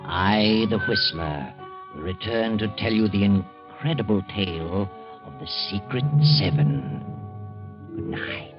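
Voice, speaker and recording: An actor playing a mysterious, mocking narrator of crime tales in a theatrical 1940s radio mystery style. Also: male voice, lowish voice, expressive. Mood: sly. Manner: sinister, theatrical, slow and taunting. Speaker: narrator and host. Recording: muffled 1940s radio recording, music behind.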